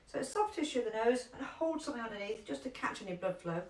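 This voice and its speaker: A woman with a London accent teaching a live first aid class online, chatty and emphatic, slowing down to repeat key instructions. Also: fairly high pitch, expressive. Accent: London English. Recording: echoey room, distant from mic.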